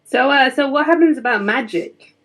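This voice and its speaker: A woman's voice: high voice, normal speed, fairly bright tone, poor audio. A woman with a curious, questioning manner, playing a character in a tabletop game. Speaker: player. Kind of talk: casual tabletop play.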